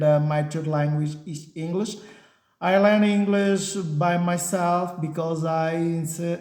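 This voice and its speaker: A slow, halting man from a Portuguese-speaking country, whose first language is Portuguese, hosts a casual talking-head vlog as a software engineer and channel host. His voice is fairly high and a little mellow, his English non-native with many fillers and restarts, and the room is echoey.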